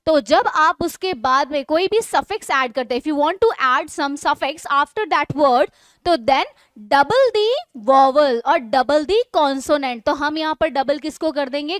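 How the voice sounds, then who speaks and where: A woman teacher explaining English spelling rules in an online class, asking questions and answering them herself, and reading the rules out slowly. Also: high-pitched, no room sound. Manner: explains in Hindi mixed with English, asks and answers own questions.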